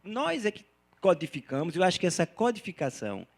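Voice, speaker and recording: A man, an arts educator giving an animated talk to educators, chanting folk rhythms and often ending phrases with a quick tag question. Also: high voice.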